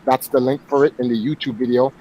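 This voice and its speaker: A man's voice: mid-range voice, steady tone, fast talker, warm tone, slight background noise, low-quality recording. A man in his forties, a guest on a casual online panel, talking emphatically and often repeating words as he starts a thought. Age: 40s.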